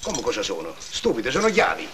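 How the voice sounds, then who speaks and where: An actor playing a scheming, bossy male prisoner in a 1960s film comedy, scolding his cellmate in a hushed voice. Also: mid-range voice, huge pitch swings, a little fast. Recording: old film soundtrack with crowd noise.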